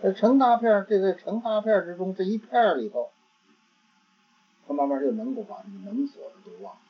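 A man giving a Buddhist dharma talk, halting and repeating words as he searches for phrasing. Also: sits high, lively intonation, slightly rough. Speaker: Buddhist teacher. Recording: dull lo-fi recording.

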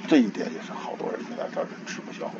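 An older man giving an informal Buddhist dharma talk, in a homely conversational way, often repeating and restarting his words. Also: very fast. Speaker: Buddhist teacher. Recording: dull lo-fi archival tape with faint hiss.

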